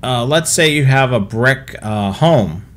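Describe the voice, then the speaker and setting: Co-hosting a police scanner livestream from a small indoor room at home full of equipment, a middle-aged American man explains things casually. His mid-range voice is animated, fairly bright, and a little slow.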